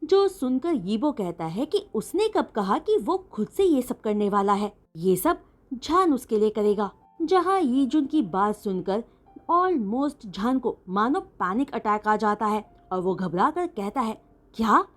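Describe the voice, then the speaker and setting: Animated woman retelling a story. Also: a little high, measured pace, soft background music. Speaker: fanfiction storyteller. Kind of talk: retelling a romance story in Hindi.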